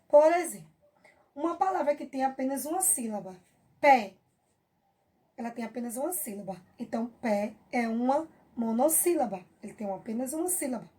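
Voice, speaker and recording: A woman's voice: sits high, expressive, moderate pace, warm tone. A Brazilian woman teacher giving a patient review lesson for children, stretching out her examples and often checking in with the class. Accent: Brazilian Portuguese.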